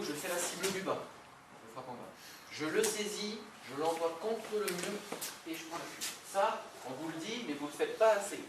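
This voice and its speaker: A man teaching self-defense in a live class, giving directions and checking in with frequent "okay?"; recorded in an echoey hall from a distant camera mic with noise behind. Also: high-pitched.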